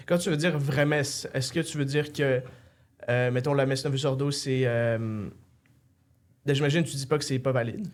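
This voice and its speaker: A man's voice: mid-range voice, fairly even intonation, moderate pace. A man hosting an interview, who asks questions thoughtfully and hedges with many fillers. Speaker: interview host. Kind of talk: casual interview conversation.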